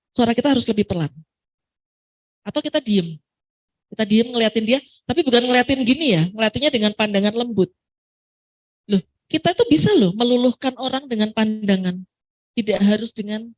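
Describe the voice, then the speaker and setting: A woman from Surabaya speaking at a parenting seminar, answering an audience question in a lively way that acts out what parents and children say. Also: a little high. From Surabaya, Indonesia.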